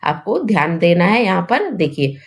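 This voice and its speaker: A woman teaching a grammar lesson for exam preparation, explaining step by step and posing questions she then answers herself, often adding a quick tag question. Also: on the low side, big pitch swings.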